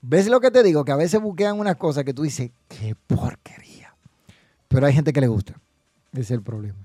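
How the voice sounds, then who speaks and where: A man's voice: a little high, quick pace, dark tone, dry recording. A man hosting a wrestling podcast, ranting indignantly about booking decisions and reading listener comments aloud. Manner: indignant, mocking, reads chat comments aloud. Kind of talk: animated solo commentary. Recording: dry close-mic with faint music.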